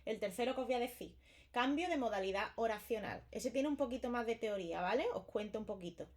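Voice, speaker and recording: A woman's voice: fairly high pitch, quick pace. Woman explaining grammar casually, lots of examples, keeps asking vale. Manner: chatty, explains with repeated examples and checks with "vale". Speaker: teacher. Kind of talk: casual exam-prep lesson.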